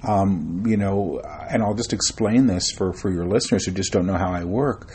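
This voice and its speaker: With a deep, slightly mellow voice at a moderate pace, a middle-aged spiritual channeler and author rambles through a conversational interview about his work, often using fillers and starting over. He describes himself as shy and reserved. Slight background noise can be heard.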